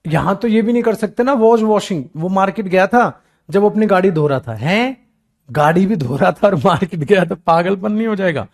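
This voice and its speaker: At normal speed, a government-exam English teacher walks his class through grammar, using English examples and explaining them in Hindi. He's animated, toggling between loving scolds and coaxing, calling students beta and mimicking their whining in a low, weak tone.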